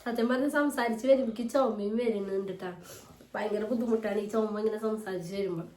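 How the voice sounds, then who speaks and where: A hoarse woman vlogger, chatting casually at her family home and often asking for agreement. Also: medium pitch, quick pace, warm tone, a little hiss or hum. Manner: chatty, rambling, asks for agreement. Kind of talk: casual home vlog chat. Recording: roomy echoey indoor sound.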